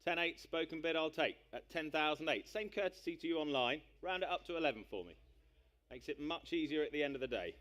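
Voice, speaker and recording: A man working as an auctioneer, calling bids live in a brisk patter of repeated numbers. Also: a little high, expressive, fairly bright tone.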